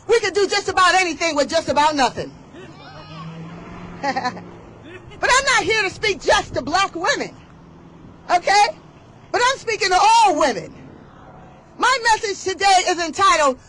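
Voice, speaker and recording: A rally speaker with a very high, fairly bright voice leads an outdoor crowd in call-and-response, using rhythmic, emphatic, rhyming delivery to motivate them. The audio is poor, with a little hiss or hum.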